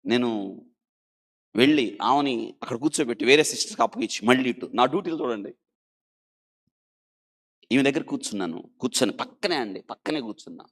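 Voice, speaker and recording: A male doctor recounts a story in an interview with lively, rising and falling pitch at a middle register. He swings from loud, emphatic bursts to hushed asides, and keeps urging his listeners to stop and think. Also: brisk, long pauses. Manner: dramatic, animated storytelling that swings between loud emphasis and quiet.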